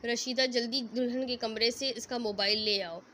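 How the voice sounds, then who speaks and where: A woman's voice: fairly high pitch, fairly even intonation, pushed and bright, a little hiss or hum. A woman voicing a protective mother who cries out and scolds. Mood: alarmed. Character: anxious, protective mother of the groom.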